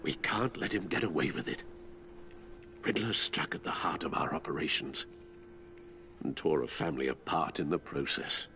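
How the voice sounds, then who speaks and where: Deep-voiced fatherly confidant, solemn and expressive. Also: a little hiss or hum, heavily acted. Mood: grave, resolute. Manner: measured, earnest, emotive. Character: grieving fatherly older confidant, solemn and resolute. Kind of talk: dramatic video game acting.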